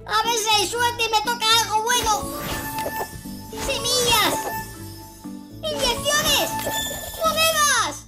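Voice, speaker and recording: Woman, Spain Spanish accent, very high and slow, excited game commentary over loud game music. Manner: excited, exclamatory, addresses viewers directly. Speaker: gameplay channel host. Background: loud cheerful game music.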